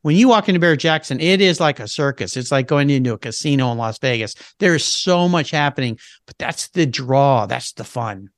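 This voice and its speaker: A man's voice: mid-range voice, animated, brisk, no room sound, studio quality. A man talking casually and with enthusiasm in a radio interview, using plenty of fillers. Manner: chatty and enthusiastic, with many fillers. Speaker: car show host and guest expert.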